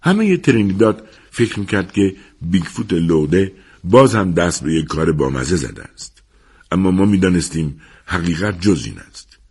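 Husky, lively male audiobook narrator. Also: low-pitched.

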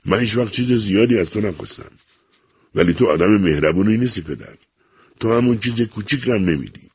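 Man doing a desperate son, pleading, self-blaming, gravelly low voice, husky, dry close sound. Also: lively intonation, darkish tone, dry recording. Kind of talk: audiobook character reading.

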